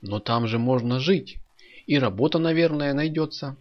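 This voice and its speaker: A man's voice: medium pitch, normal speed, voice pushed up, close to an everyday voice. A man voicing a dreamy, eager young boy who speaks wistfully in an audiobook story. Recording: dull lo-fi audio.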